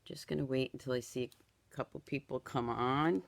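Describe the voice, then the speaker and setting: A woman in her fifties, hoarse and raspy from a cold, chats through a live craft product demo in her home craft room, greeting viewers by name. Her rumbling low voice stays steady at a normal speed, and she is filmed first by a front camera, then an overhead one.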